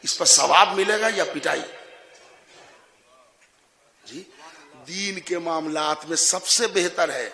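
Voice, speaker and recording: A man from Bihar, India delivering a sermon to a gathering, teasing the audience with questions and rising to emphatic shouts. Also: a little high, vocal fry, long pauses. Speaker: Shia cleric delivering a majlis sermon. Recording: echoey hall.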